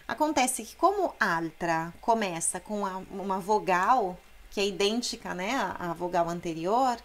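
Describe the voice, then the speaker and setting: Slow Brazilian woman teaching Italian sounds. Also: medium pitch. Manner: explains slowly, models Italian sounds aloud. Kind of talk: language lesson.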